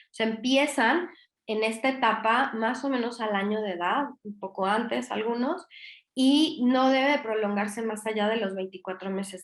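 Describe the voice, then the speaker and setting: A woman with a Mexican accent giving a virtual conference lecture in an explanatory way, often checking in with quick tag questions and fillers. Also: medium pitch, a bit bright, roomy sound. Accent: Mexican Spanish. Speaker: lecturer on child language development.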